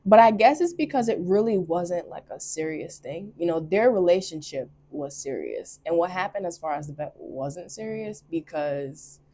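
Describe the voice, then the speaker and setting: A woman's voice: fairly low pitch, expressive, normal speed, few pauses, mellow. A young woman who reads tarot, talking casually and expressively and laughing often. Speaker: tarot reader. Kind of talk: casual chat.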